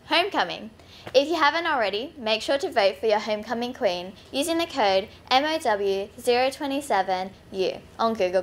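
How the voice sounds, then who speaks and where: A woman's voice: a little high, a bit bright. A teenage girl hosting a student news show, reading scripted school announcements in an upbeat way. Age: teens. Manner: upbeat, reads a list of notices.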